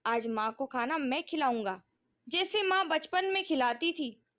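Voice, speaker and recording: A soft, soothing voice of a patient middle-aged man caring for his mother, as a woman reading the story puts him on. He speaks tenderly and calmly, in a high register, as part of a storybook reading. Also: a little slow. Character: gentle middle-aged son and husband, patient.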